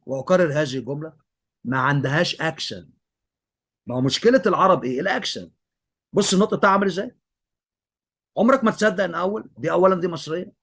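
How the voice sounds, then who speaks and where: A man's voice: a little high, fairly bright tone, husky. A man with an Egyptian Arabic accent, an English teacher giving emphatic commentary and repeating his praise of a student.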